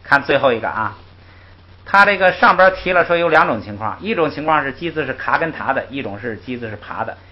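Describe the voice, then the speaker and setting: Brisk and mid-range in pitch, a male language teacher lectures his class with lively patience, laying out rules and frequently saying "ai." He models syllables that the students echo back in drills, and the recording is muffled and lo-fi.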